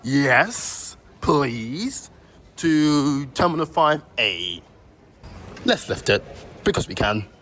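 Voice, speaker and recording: A man's voice: mid-range voice, sing-song, extremely slow, a bit bright. A man giving casual travel vlog commentary while on the move. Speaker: travel vlogger. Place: on the move in plane and airport. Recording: clear background travel and engine noise.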